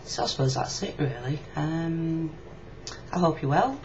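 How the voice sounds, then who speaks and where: Speaking unhurriedly in a low, somewhat dark voice, a woman with a Yorkshire accent reflects openly and casually in a personal video response. She's a video blogger from Yorkshire, recording indoors on a webcam whose audio is muffled, lo-fi and carries clear background noise.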